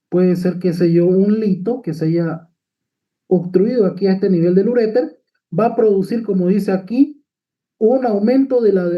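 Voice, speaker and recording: A high-pitched male medical lecturer goes through a slide point by point, often using tag questions and fillers as he explains. The sound is slightly dull, like it came through a modest microphone.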